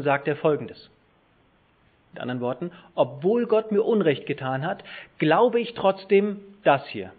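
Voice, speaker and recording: Husky-voiced German preacher, tinny sound. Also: male voice, on the high side. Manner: emphatic, rising to loud stress on key words, dropping soft at ends. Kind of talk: sermon with scripture reading.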